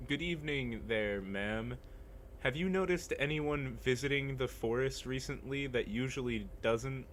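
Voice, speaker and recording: A man's voice: mid-range voice, measured pace, a little hiss or hum. A man chatting casually as he plays a game, informal and jokey. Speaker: game player. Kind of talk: casual gaming chat.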